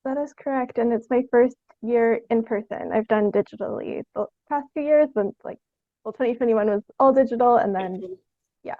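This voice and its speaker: A young adult Canadian woman, a theatre artist, chats informally in a casual interview, often giggling mid-sentence. Her voice sits on the high side at a normal speed, with no echo and phone-quality sound.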